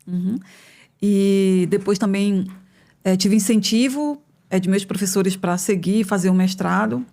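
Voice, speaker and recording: An economics professor from northern Brazil, a woman in her fifties, answers interview questions as a podcast guest in a studio. Her mid-range voice is gravelly and mellow, and she sounds thoughtful and measured, with frequent hesitations and tag questions.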